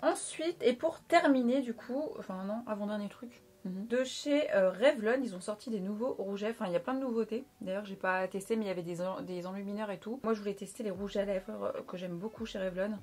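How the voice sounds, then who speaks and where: A woman's voice: medium pitch, fairly quick, hardly any pauses, a little mellow. A young woman chatting casually through a makeup review, frank and playful, talking at close range to her camera. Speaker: beauty vlogger.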